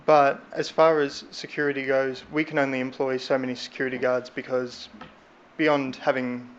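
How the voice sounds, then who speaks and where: A man asking measured, halting questions at a public meeting. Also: mid-range voice, little pitch movement. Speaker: licensed business representative questioning council. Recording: dull, faintly noisy meeting room audio.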